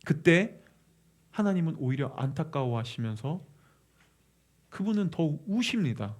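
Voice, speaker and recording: A man preaching a sermon, moving from quiet storytelling to loud, impassioned pleading. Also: on the high side, big pitch swings, unhurried. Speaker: pastor.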